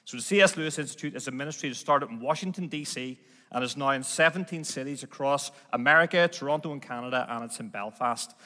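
This Northern Irish man, a guest ministry leader, addresses a church congregation from a stage in a big indoor church. He talks fast in a mid-range voice that sounds pushed and bright. The hall gives the recording a long reverb.

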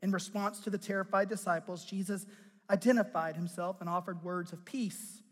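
A male pastor preaching a sermon, swinging between loud emphatic lines and hushed low ones, and putting direct questions to the listeners. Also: steady tone, normal speed, big-room sound.

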